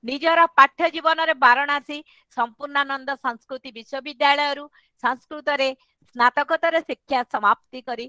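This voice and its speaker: A middle-aged woman with an Odia accent from India hosts a webinar, giving a formal speech in rapid-fire delivery with fairly even intonation. Her bright, high voice is picked up close and dry on a video-call headset, with no echo.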